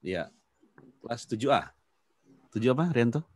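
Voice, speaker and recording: A man's voice: medium pitch, animated, moderate pace, a little mellow. A male English teacher leading an online class on a video call, patiently repeating model phrases with exaggerated rising intonation. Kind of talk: online class lesson, mixing Indonesian and English.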